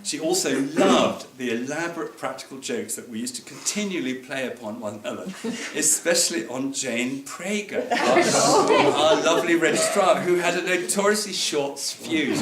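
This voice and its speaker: A man's voice: a little high, sing-song, normal speed. A man giving an anecdotal memorial speech at a reception, wry and often laughing as he digresses. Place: museum reception room. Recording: echoey room with background noise.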